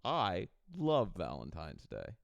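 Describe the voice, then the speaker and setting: A man in his late twenties co-hosting a podcast, chatting casually and telling stories in a joking, animated way. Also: low-pitched, slow, creaky, dry recording, highs cut off. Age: late 20s. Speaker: podcast co-host. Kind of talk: casual chat.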